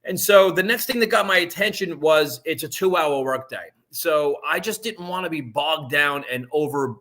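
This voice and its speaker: This man in his fifties presents an online business in a live-streamed sales pitch, expressive and at normal speed. Slightly high for a man, his voice is bright and forceful, and he talks conversationally, rambling with frequent restarts and "right?" every few lines.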